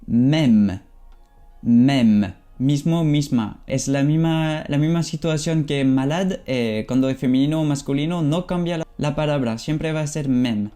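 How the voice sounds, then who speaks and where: Man teaching slowly. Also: mid-range voice, warm tone. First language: French. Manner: slow, repeats example phrases for learners. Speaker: French teacher. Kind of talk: language lesson.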